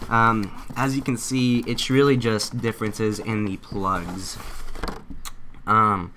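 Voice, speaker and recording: A man giving a casual unboxing and setup tutorial, excitable and chatty, often poking fun at himself. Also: on the low side, slow, slight background noise. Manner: excitable, chatty, self-mocking. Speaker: gaming YouTuber.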